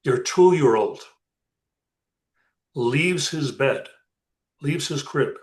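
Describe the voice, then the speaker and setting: A man speaking as a rabbi teaching a class, pausing deliberately and posing rhetorical questions. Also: on the high side, lively intonation. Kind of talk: interactive religious lecture. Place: room with a class. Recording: echoey room, distant microphone.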